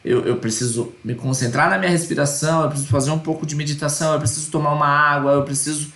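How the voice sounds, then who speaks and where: A man's voice: a little high, steady tone, quick pace, fairly bright tone, roomy sound. A man teaching an online course lecture, earnest and repeating his points with tag questions.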